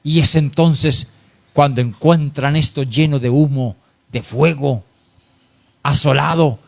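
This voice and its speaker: A man's voice: fairly high pitch, slow, creaky, a little mellow. A man preaching a sermon in church, emphatic and repetitive, often addressing his listeners as brother. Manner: emphatic, repeats phrases, addresses "hermano".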